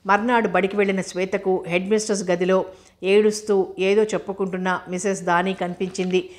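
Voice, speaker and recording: A woman narrating a novel as a scripted audiobook in steady, unhurried storytelling. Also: mid-range voice.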